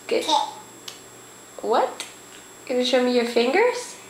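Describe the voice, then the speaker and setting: High, slow sing-song woman coaxing a toddler. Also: sing-song. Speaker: parent quizzing a toddler. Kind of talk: home video baby talk. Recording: echoey room, faint noise.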